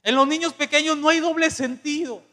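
High-voiced pastor preaching. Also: male voice, fairly even intonation, fairly quick, bright, forceful tone. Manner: conversational preaching, asks the congregation questions. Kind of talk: sermon.

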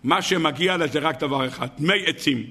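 Stern older sage, curt and dismissive, voiced by a preacher retelling a story. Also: male voice, a little high, bright, forceful tone, husky.

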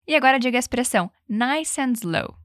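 Here a woman runs an animated English language lesson, explaining expressions and drilling them through repetition. Her tone is bright and a touch high, her examples slow and clear, and the recording is close and dry, without room sound.

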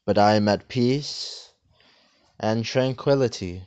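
A man speaks in a slow, hushed, soothing way, keeping a flat deadpan calm throughout. His voice sits a little low and sounds smooth and resonant. The recording is slightly dull and lo-fi. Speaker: host of a parody meditation video. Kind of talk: deadpan parody of a guided meditation.

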